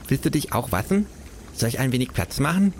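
Man voicing a high, puzzled, half-deaf raccoon. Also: big pitch swings, brisk, a little hiss or hum, natural voice. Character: hard-of-hearing male raccoon.

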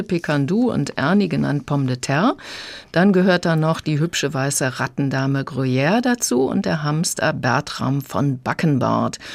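Brief: female book reviewer, deep voice, calm and measured. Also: no echo.

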